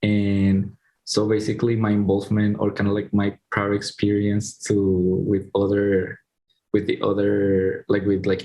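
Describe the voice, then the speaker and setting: A young man from Venezuela introduces an online student panel in a loose, casual way. His voice sits low and stays fairly level, and he backtracks and fills gaps as he goes. It comes through a video call. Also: warm tone. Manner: rambling, many restarts and fillers. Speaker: panel moderator.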